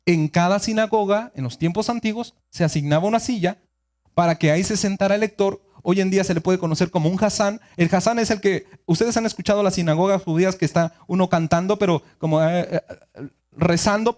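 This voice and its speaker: High-voiced man teaching. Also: brisk, a little mellow. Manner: asks the audience frequent check-in questions; explains in a conversational, repetitive way. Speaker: teacher of a Torah study group. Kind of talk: sermon teaching.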